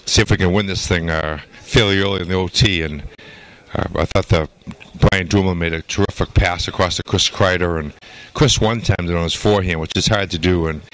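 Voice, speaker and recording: Older male coach, low-pitched, measured and halting post-game answers, handheld interview mic. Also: fairly even intonation, fairly bright tone, poor audio. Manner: measured, halting with many "uh" fillers. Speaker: hockey coach. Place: indoor arena interview backdrop. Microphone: handheld mic held by interviewer.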